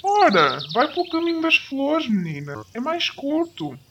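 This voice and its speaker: A woman with a European Portuguese accent voicing a sly, hungry male wolf in a storybook, her voice dipping low at phrase ends. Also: very animated, unhurried, a bit bright, a little hiss or hum, exaggerated voice. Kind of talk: storybook voice acting.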